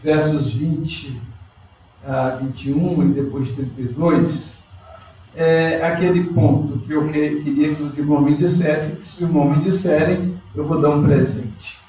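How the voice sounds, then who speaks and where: A man preaching a lively sermon and quizzing his congregation by name. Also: fairly high pitch, a little slow, heavy reverb, distant mic, highs cut off, slight background noise. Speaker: pastor.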